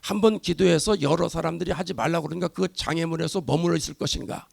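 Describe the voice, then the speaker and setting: A middle-aged man from Korea preaching a sermon as a pastor, asking the congregation rhetorical questions and swinging from soft explanation to loud exhortation. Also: a little high, quick pace, gravelly, dry recording, studio quality.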